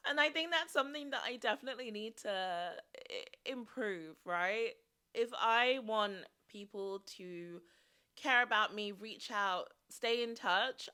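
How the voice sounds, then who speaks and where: A young woman vlogger chatting casually to her viewers in an animated, self-mocking way, with a slight vocal fry. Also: medium pitch. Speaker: YouTube vlogger. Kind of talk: casual chatty vlog talk to camera.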